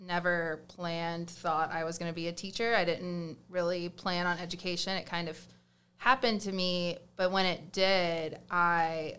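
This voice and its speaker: A woman's voice: lowish voice, fairly even intonation, unhurried, sharp tone, smooth. A young woman with a Southern US accent, chatting as a guest in a casual interview, with lots of fillers and restarts.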